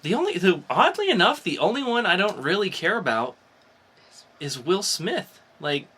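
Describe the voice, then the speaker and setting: Another host, his pitch high and sing-song, his tone sharp and slightly rough, talks at a normal speed. The casual talk covers comics and movie news, and he's opinionated, informal and a bit profane.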